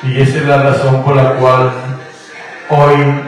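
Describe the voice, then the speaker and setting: Speaking slowly in a monotone, medium-pitched voice, a Guatemalan man preaches on the radio with a fervent, sing-song cadence. Faint music plays behind the echoey, distant-sounding broadcast.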